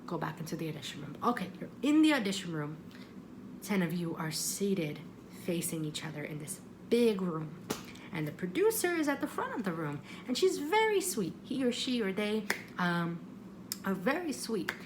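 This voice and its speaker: In a homemade-sounding clip with background noise, a woman vlogger relates a personal story casually and expressively, rambling along with apologetic, self-deprecating comments. She speaks at a normal speed in a mid-range voice.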